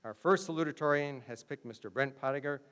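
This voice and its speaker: A man's voice: on the high side, fairly bright tone, slight background noise. Man announcing at a graduation, echoing hall. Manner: measured, explanatory, addressing an audience. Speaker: school official hosting a graduation ceremony. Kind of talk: formal ceremony announcement. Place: large graduation ceremony venue. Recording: long hall reverb.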